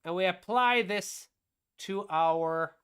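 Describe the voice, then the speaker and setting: A woman's voice: on the low side, takes it slowly, smooth. A woman teaching music production on a live stream, explaining her steps aloud as she demonstrates and answering her own questions.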